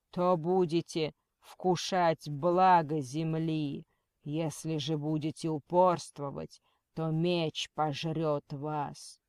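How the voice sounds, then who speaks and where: A woman voicing a cold male kidnapper who threatens slowly and quotes scripture. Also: sits low, a little mellow, clear, resonant tone, no room sound, clean studio sound. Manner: slow, menacing, preachy.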